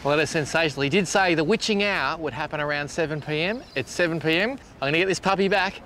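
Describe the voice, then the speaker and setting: A man with an Australian accent hosting a fishing show from a boat outdoors, excitable and chatty, laughing often. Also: fairly high pitch, fast talker, a little hiss or hum. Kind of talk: casual outdoor fishing commentary.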